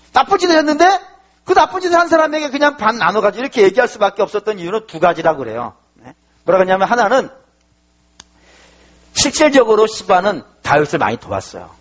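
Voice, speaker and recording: A male pastor preaching a lively sermon, retelling the story with acted-out dialogue and questions to the congregation. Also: high voice. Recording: dull lo-fi recording.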